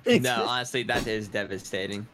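A man's voice: on the low side, steady tone, normal speed, noisy background. A tired man chatting with friends about a video game, rambling and laughing a lot. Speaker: streamer's friend on call. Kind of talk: casual gaming chat.

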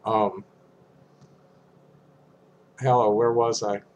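An older male vlogger with a stuffy, congested voice reads a statement aloud in a small, cluttered indoor room, tossing in casual asides. His pitch is fairly low and his delivery flat with drawn-out words, over dull audio carrying slight hiss or hum.

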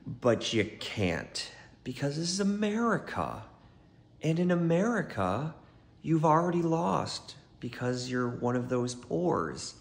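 A middle-aged man playing a smug, condescending rich villain in a wrestling promo, with pompous, mock-polite delivery and drawn-out emphasis. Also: fairly high pitch, big pitch swings, vocal fry, reverberant, full character voice. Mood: smug, taunting. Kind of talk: scripted wrestling promo to camera. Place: poolside patio, then living room at home.

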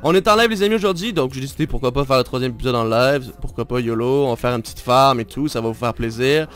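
With faint music playing behind him, a Québécois French-accented streamer gives casual live gameplay commentary, teasing his friend and addressing viewers directly in playful banter. He talks quickly in a mid-range voice that is smooth and a bit bright.

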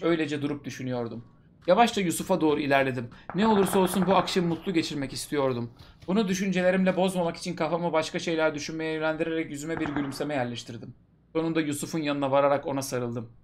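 A man's voice: on the high side, fast, noisy background. A male host reading a story aloud for laughs, breaking off for mocking asides. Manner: mocking asides between read passages. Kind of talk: comedic dramatic reading with commentary.

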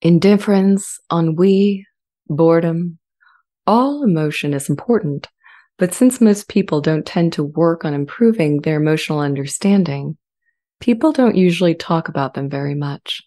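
In a dramatized transcript, a woman plays an earnest, gentle sentient AI language model, reading her scripted lines in a measured, deliberate way. Her voice sits low yet stays animated and calm, recorded close on a large studio condenser with a pop filter in an indoor home studio.

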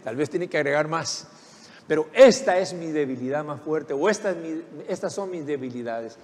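A man with a notably high voice preaches a sermon to his congregation. He works through his points with rhetorical questions and asks the listeners to say them with him. His words ring out with the long reverb of a church hall. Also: animated, normal speed, a little mellow. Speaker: pastor.

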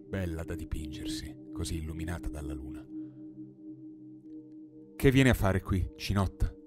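A man narrating a 19th-century tale as an audiobook, in an impassioned, dramatic reading that swells in the dialogue. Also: very deep voice. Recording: studio narration over singing bowl music.

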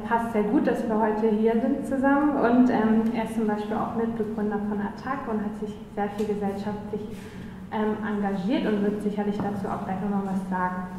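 A woman's voice: fairly high pitch, darkish tone. A young woman moderating a panel discussion, introducing guests with many fillers, on a handheld mic in a small room. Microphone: handheld mic, far camera. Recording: echoey hall from far off, faint noise.

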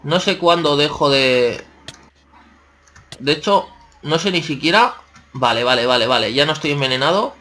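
A man's voice: on the high side, expressive, normal speed, long pauses, bright, forceful tone. Chatty man narrating gameplay. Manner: chatty, talks to himself and viewers, playful exclamations. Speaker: gaming channel host. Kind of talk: casual let's-play commentary.

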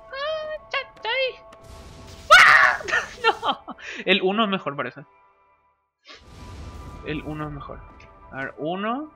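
A young man giving casual let's-play commentary, excitable, yelping and groaning as he plays and mixing in English words. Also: a little high. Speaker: gamer streamer. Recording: game music behind the voice.

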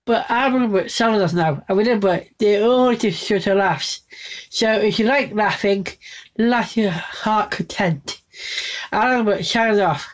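A woman talking casually to camera in a vlog, halting and restarting often as she demonstrates different laughs. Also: medium pitch. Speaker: vlogger.

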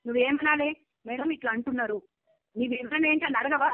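A woman's voice: high-pitched, very fast, dry recording. A woman, a government officer scolding and threatening someone in a heated argument heard over a phone line. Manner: scolding, threatening, talks over the other person. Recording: tinny dry phone call recording.

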